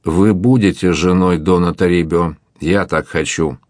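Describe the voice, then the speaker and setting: A man's voice: deep voice, fairly even intonation, measured pace, darkish tone, no echo, studio quality. A man voicing a proud, angry old nobleman who commands his daughter. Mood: angry commanding. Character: proud furious old Spanish nobleman father.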